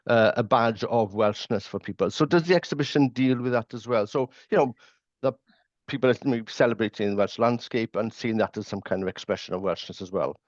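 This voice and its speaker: A man's voice: on the low side, fairly quick, no echo, highs cut off. A man interviewing a guest, thinking aloud and repeating words as he shapes his questions. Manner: thoughtful, repeats words while forming questions. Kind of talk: conversational interview.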